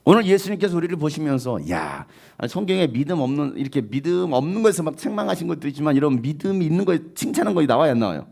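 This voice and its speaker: A male pastor preaching a sermon in an animated way, at times acting out the voices he quotes. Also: on the high side, fast, creaky.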